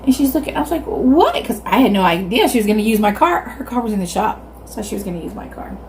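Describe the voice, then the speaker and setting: A woman in her fifties with a Southern US accent, telling a casual, animated story to viewers as she hosts a mukbang, chewing while she talks. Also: mid-range voice, fast, slight background noise. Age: 50s. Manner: animated, acts out quoted reactions. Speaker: mukbang video host.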